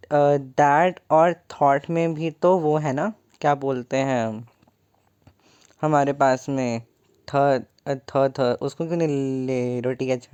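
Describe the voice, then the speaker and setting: A woman's voice: deep voice, a little mellow, clean tone. A young woman teaching a poem in an online lesson, playful and joking, calling her students 'beta'.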